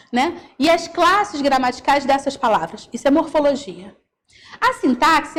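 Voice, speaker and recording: A woman with a Carioca accent from Rio de Janeiro, a teacher giving a recorded class lecture over slides, explaining step by step and often checking in with her students. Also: extremely high pitch. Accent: Carioca Brazilian Portuguese. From Rio de Janeiro, Brazil. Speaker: Portuguese teacher.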